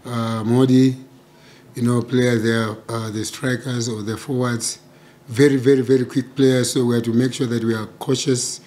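A middle-aged man, a football coach answering questions at a post-match press conference, speaking in a measured way with many "you know" fillers into table microphones. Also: medium pitch, level tone, a little mellow. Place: press conference room with sponsor backdrop. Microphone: table microphones in front.

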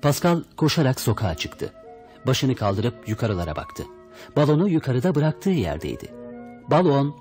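A man's voice: mid-range voice, big pitch swings, normal speed, a little mellow, faint music behind. A man reading a children's story aloud, expressively voicing the characters' lines. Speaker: audiobook reader. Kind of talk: storybook narration.

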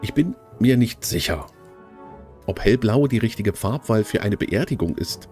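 A man voicing a polite, reserved tailor in a game, with formal, measured speech. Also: on the low side, expressive, darkish tone, soft background music. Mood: courteous. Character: polite middle-aged tailor, courteous and reserved.

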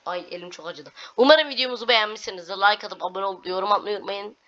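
Loud game music plays behind this gaming host as she grumbles through her let's play in a casual, exasperated way. Her voice is mid-range and very fast, and the audio sounds dull.

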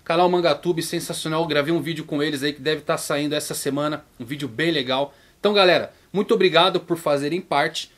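A Brazilian man with a Brazilian Portuguese accent, hosting his manga vlog in a chatty, casual way and playing out viewers' questions in a higher voice. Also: fairly quick, hardly any pauses, a bit bright. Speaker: YouTube manga channel host.

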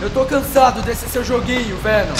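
A man's voice: extremely high pitch, moderate pace. A man voicing an exasperated, earnest young superhero in a fan-dubbed video game, with urgent, emotional delivery. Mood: impatient. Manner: urgent, emotional pleading and challenging. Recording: echoey voice over clear game music.

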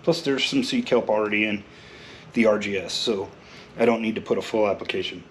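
Speaking fairly quickly in a lowish voice, a middle-aged American man explains a job as host of a lawn care vlog. His tone is casual, plain-spoken and matter-of-fact. Clear outdoor ambience fills the recording, first in a residential yard and then in an open garage.

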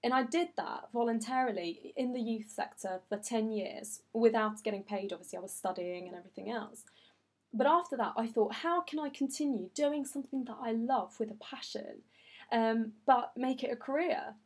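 A young woman from Iran who was raised in Sweden answers viewer questions in a casual vlog filmed in her office. Her slightly high, husky voice moves at normal speed, and she is chatty and earnest, with many fillers.

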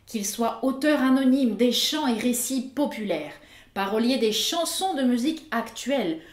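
A woman narrating an educational video as host, with a clear, didactic delivery. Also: fairly high pitch, lively intonation, normal speed, echoey room. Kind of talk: scripted explanatory narration.

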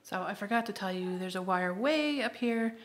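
In a kitchen being renovated, a middle-aged woman who runs a homestead vlog walks viewers through a casual update, filmed on a phone held at arm's length. She points things out with frequent ums, in an expressive mid-range voice at normal speed.

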